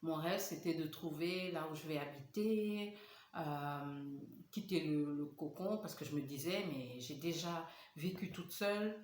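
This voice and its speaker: A woman's voice: deep voice, a little slow, a little mellow. A woman in her thirties from Senegal, chatting casually in a mukbang vlog and talking between bites. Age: 30s. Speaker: vlogger. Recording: echoey room with faint hiss.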